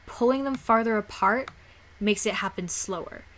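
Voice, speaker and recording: In a fairly bright, medium-pitched voice at normal speed, a woman talks through a relaxed screen-recorded tutorial. Her explanations wander, and she often starts over or says things twice.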